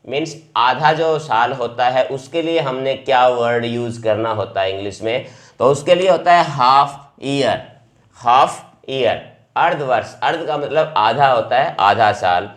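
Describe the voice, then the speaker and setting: Man, English teacher, vocabulary lesson, patient, repeats words, mid-pitched voice. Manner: explains patiently, repeats each word several times.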